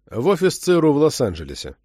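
A male narrator voicing a calm, unemotional undercover agent in an audiobook. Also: mid-range voice, moderate pace, no room sound, studio quality, natural voice. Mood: cold. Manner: level, unemotional.

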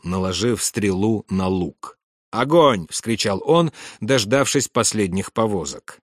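A man reading a war story aloud in measured scripted narration, dropping to a hush for whispered lines. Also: medium pitch, dry recording, clean studio sound. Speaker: audiobook narrator.

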